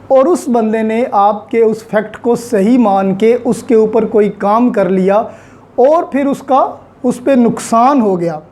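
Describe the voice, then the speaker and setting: A lecturer with a Pakistani accent and a mellow, mid-range voice explains law methodically, step by step, with examples. It's an explanatory lesson in Urdu, peppered with English legal terms.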